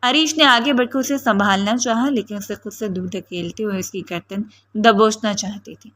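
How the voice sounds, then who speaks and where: A woman's voice: medium pitch, fairly bright tone. A woman reading a romance novel aloud as audiobook narrator, telling the story with drama.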